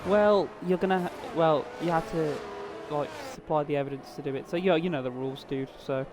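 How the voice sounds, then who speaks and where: A tired man giving relaxed live commentary on an online sim race, chatting casually with viewers and drivers. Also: a little high, a little fast, noisy background. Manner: laid-back, chatty, addresses viewers and drivers directly.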